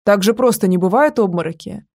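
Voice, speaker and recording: A woman's voice: medium pitch, fairly quick, darkish tone, lightly acted. A woman voicing an anxious young man. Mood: worried. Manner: anxious, earnest. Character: worried, devoted young man.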